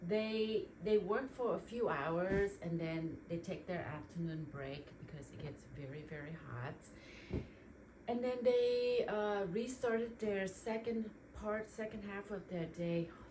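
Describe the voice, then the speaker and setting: A woman in her forties, from Vietnam, talks in a low, easygoing voice as she sorts clothes at home. Her chat rambles along with plenty of ums and likes. A steady hiss of background noise sits under the home recording. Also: slow pace. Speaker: lifestyle vlogger. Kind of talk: casual chit-chat while decluttering. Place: home closet.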